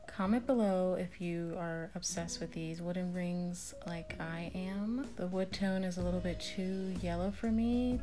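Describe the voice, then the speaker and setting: A young woman speaks in a slightly low register, narrating her vlog casually with fillers and an upbeat, chatty flow. Faint music plays beneath her voice-over. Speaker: vlogger and picnic planner.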